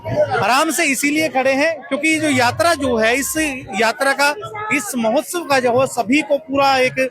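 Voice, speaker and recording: A man's voice: extremely high pitch, bright, forceful tone. A man reporting live from a religious procession outdoors, rambling commentary with many fillers and chatty questions to passersby. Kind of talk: live on-the-street commentary and interviews. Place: outdoors at a crowded rainy procession.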